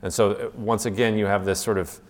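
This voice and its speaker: A man's voice: on the low side, fairly even intonation, brisk, big-room sound. Enthusiastic male teacher lecturing. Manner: enthusiastic, frequent restarts and asides. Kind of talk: classroom lecture with read-aloud passages.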